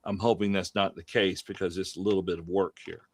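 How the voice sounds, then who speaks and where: A man's voice: low-pitched, little pitch movement, brisk, dry recording, clean studio sound. A man hosting a casual online Bible study discussion over a video call, rambling with many fillers. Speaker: host running the online study.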